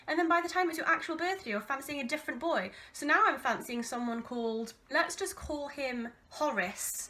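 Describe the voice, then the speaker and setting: A woman in her twenties with an English accent reads from an old diary with casual asides, in an animated, self-mocking, theatrically exasperated way. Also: on the high side. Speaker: vlogger reading her old teenage diary.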